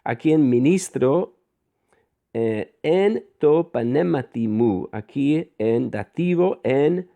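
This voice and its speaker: Male teacher, slow and deliberate, dark mellow tone, stops to parse and correct himself. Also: medium pitch, animated, gravelly. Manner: frequent fillers and self-corrections. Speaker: Koine Greek teacher. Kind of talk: guided reading lesson.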